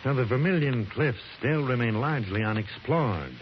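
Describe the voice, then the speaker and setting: An actor playing an enthusiastic archaeology professor and explorer, talking in a lively, persuasive, lecturing way in a 1940s radio drama. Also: male voice, mid-range voice, normal speed, natural voice. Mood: eager. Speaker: character in a vintage radio drama. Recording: muffled, hissy vintage radio recording.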